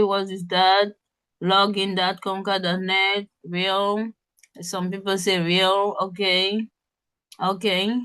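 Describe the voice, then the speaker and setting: A woman's voice: medium pitch, a bit bright, smooth. A woman instructor running an interactive workshop, spelling out web addresses and often checking in with her audience.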